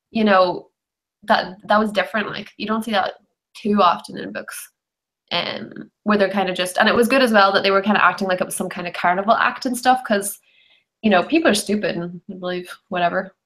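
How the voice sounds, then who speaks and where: Speaking briskly in a mid-range, fairly bright tone, a woman on a book club panel chats openly about books, peppering her talk with "like". She's indoors in her bedroom, and her computer mic carries her voice over the video call.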